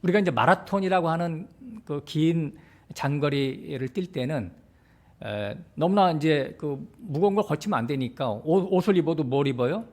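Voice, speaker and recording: A pastor preaching a sermon, explaining step by step and asking the congregation rhetorical questions. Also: male voice, on the high side, animated, moderate pace, a little mellow.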